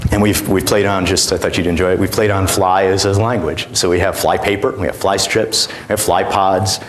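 A middle-aged man presenting a product demonstration at a conference in an informal, halting way. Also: low-pitched, a little hiss or hum. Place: indoor conference room, on stage.

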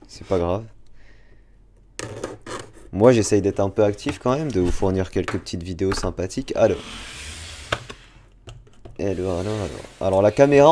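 A man's voice: lowish voice, mellow. A young man, chatting casually to viewers on a live stream while unboxing. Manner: chatty, talks to chat directly. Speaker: drawing streamer.

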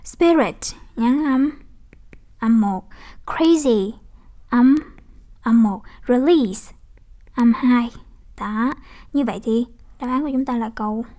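Mellow Vietnamese woman teaching English. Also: a little high, unhurried, pauses often. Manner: explanatory, with frequent tag questions. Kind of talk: exam walkthrough lesson.

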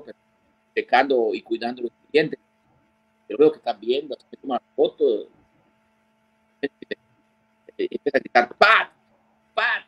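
This man, a fishing guide from Mexico, is interviewed as a guest and brings his fishing stories to life by mimicking the voices of those he quotes. He has a husky, mid-range voice. There's no room sound, and the audio quality is poor.

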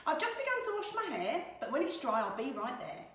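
A woman's voice: high voice, very animated, fairly quick, a bit bright, pitched above the performer's own voice. A woman voicing a breezy, posh young lady heroine in a storybook rhyme, airy and affectedly sweet, in an echoey room. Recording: echoey room, distant mic.

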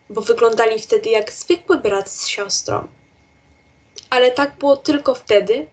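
Woman reading a kids storybook out loud, kinda breathy, higher voice, slow careful. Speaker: reader. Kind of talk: storybook narration.

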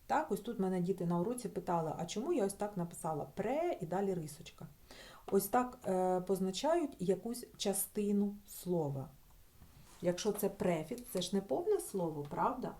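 Woman teacher, grammar lesson, patient, sounds out example words, mellow low voice, lively pitch. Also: normal speed.

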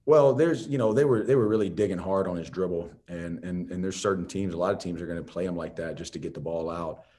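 A man with a very deep voice speaks as head coach at a post-game press conference. He talks in loose, conversational runs, restarting phrases and leaning on "you know.". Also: darkish tone.

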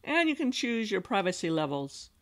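A woman calmly narrating a screencast tutorial as an instructional designer, patiently explaining each step. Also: mid-range voice, normal speed. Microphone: voice-over recorded over screen capture.

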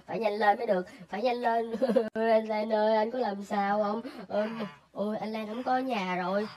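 A woman voicing a timid, crybaby young boy who is whiny and excitable, in casual game role-play. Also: mid-range voice, moderate pace, lightly acted. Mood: anxious.

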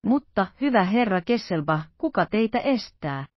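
Suave, mocking gentleman intruder, read by a woman narrator; ironic politeness, dry muffled audiobook. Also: mid-range voice, big pitch swings, no echo. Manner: smooth, ironic courtesy.

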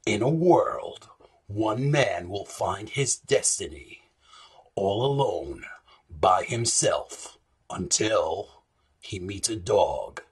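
A man imitating a dramatic male movie trailer announcer, speaking slowly and gravely. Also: on the low side, big pitch swings, pitched below the performer's own voice, heavily acted. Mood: portentous. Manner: slow, grave, portentous delivery.

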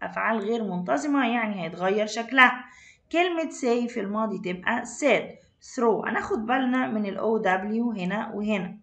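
A woman's voice: a little high, animated, a little fast, fairly bright tone. A woman with an Egyptian Arabic accent teaching an online English lesson, explaining words in Arabic and asking her students questions. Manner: calls her students "my dears".

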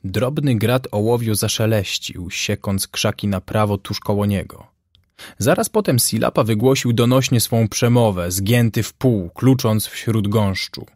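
A man narrating an audiobook in a measured, dramatic way, close to the mic. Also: fairly low pitch, darkish tone, no echo. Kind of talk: scripted narration.

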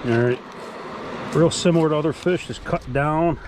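A man's voice: a little high, moderate pace. Upbeat man vlogging on a noisy beach. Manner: upbeat, enthusiastic, talks to the camera. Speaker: fishing vlogger. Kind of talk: casual outdoor vlog narration. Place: sandy beach outdoors by the surf. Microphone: action camera, head-mounted. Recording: action camera outdoors with clear surf noise.

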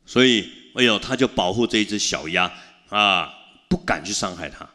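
A Buddhist master preaches to a gathering, his lowish voice ringing out bright and forceful. He acts out the characters in his stories and puts questions to the audience. The sound trails off into a long reverb, as in a big hall. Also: expressive, moderate pace. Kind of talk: storytelling sermon.

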